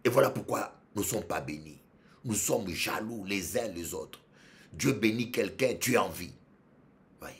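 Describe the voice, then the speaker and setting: A man preaching a sermon as pastor, repeating phrases and swinging from low murmurs to shouts. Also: animated, measured pace.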